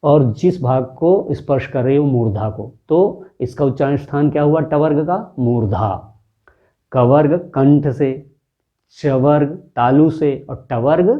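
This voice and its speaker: Man slowly sounding out Hindi consonants. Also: mid-range voice. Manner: patient, demonstrative, repeating sounds slowly and quizzing the viewer. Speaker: teacher. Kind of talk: Hindi pronunciation lesson. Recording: dull lo-fi recording.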